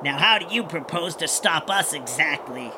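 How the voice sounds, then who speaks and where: A man's voice: a little high, expressive, normal speed, noisy background, lightly acted. A man voicing a bossy, sneering, conceited poacher boss, the villain of a children's audio adventure, full of scornful insults. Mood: smug, dismissive.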